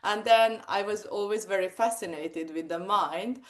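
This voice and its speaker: A woman's voice: mid-range voice, normal speed. A woman in her forties from Hungary, speaking English with a Hungarian accent, telling her story animatedly in an interview with many fillers. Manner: animated, lots of fillers and acted-out quotes. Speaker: guest, sex coach and hypnotherapist. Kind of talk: casual interview chat.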